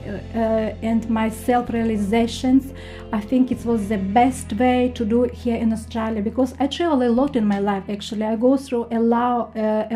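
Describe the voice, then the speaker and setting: A woman from Ukraine with a Ukrainian accent, a guest healer answering radio interview questions in halting non-native English with many pauses and ums. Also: fairly high pitch, mellow. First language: not English.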